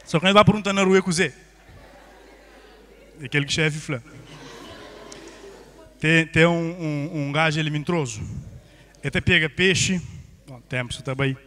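A man with a Cape Verdean accent telling jokes in lively stand-up storytelling on a theatre stage. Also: fairly high pitch, fairly quick. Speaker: stand-up comedian. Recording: long hall reverb.

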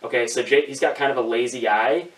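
Young male vlogger, casual deadpan ramble, mid-pitched, echoey room with the mic set back. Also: fast. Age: young adult. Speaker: vlogger and prank caller. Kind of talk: casual prank call and vlog chat. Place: small room indoors at home. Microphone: camera a few feet away. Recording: roomy echo, distant microphone.

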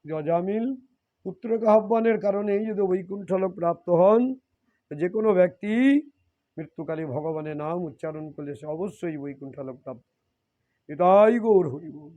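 A high-voiced preacher moves briskly through devotional scripture, explaining it and returning to his points again and again in new phrasing. The recording quality is dull and lo-fi.

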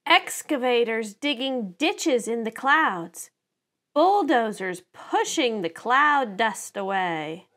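A middle-aged woman reads a children's picture book aloud to preschoolers, her voice a little high. She tells the story in an animated, deliberate way, dramatizing the sound words.

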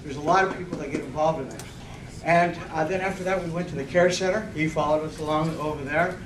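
A man's voice: on the high side, quick pace, a crowd in the background. A man leading a church meeting, chatty and joking as he calls people up to speak. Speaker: church program leader. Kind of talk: casual church meeting talk. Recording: echoey room, distant camera mic.

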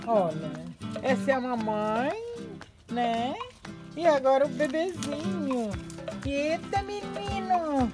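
Brazilian lady vlogging outside on her farm, slow easy talk, keeps exclaiming, music under it. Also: sits high. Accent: Brazilian Portuguese. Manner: chatty, exclaiming and laughing often. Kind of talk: casual vlog narration. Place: outdoors on a farm.

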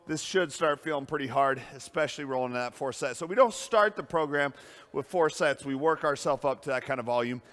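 A man's voice: medium pitch, a little fast, a bit bright, in a large hall. A man coaching a workout as a personal trainer, upbeat and out of breath between sets, in a gym. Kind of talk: workout coaching while lifting.

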